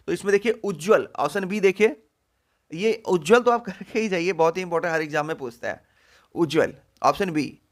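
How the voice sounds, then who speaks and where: A man teaching exam prep, going through spelling answers one by one and repeating each word slowly with drawn-out syllables. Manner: drops low and soft at the end of each answer.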